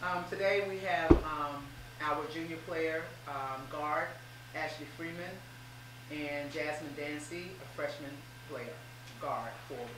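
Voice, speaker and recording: A middle-aged woman with a deep, slow voice, a head basketball coach, speaks upbeat and emphatically at a post-game press interview. She sits at a table in a small room with posters, and the table mic on its stand catches her voice off-axis. The recording is very echoey and distant, with a faint hum.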